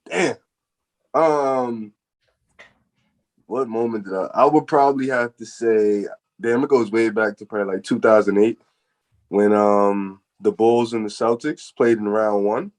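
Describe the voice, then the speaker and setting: A man's voice: on the low side, fairly even intonation, a little slow, long pauses, darkish tone. A man from New Jersey chatting casually as a podcast guest, with slangy, profane wording. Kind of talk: casual chat.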